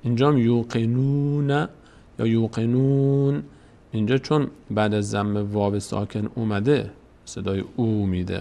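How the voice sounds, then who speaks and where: A man teaching Quran reading step by step. He patiently repeats each point and slowly draws out the recited verses to demonstrate them. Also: on the low side, gravelly, darkish tone.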